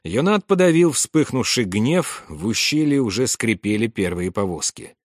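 A man reading a war story aloud in measured scripted narration, dropping to a hush for whispered lines. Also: mid-range voice, very animated, dry recording, clean studio sound. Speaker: audiobook narrator.

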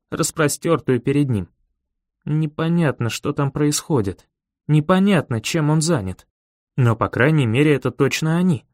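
Brief: male audiobook narrator, urgent and intense, slightly high voice, dry close recording. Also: no echo. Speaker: audiobook reader. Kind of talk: first-person audiobook narration.

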